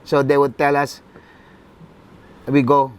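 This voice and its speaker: A middle-aged man with a Filipino accent, a football club CEO, telling his life story in a halting, earnest way. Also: medium pitch, monotone, clear, resonant tone. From Philippines. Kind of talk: personal storytelling.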